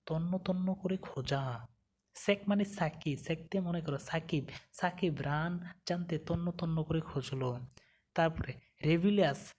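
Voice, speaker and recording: A woman's voice: low-pitched, a little slow, a little mellow, a little hiss or hum. A woman teaching a vocabulary lesson, asking questions and answering them herself. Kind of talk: vocabulary lesson with memory tricks.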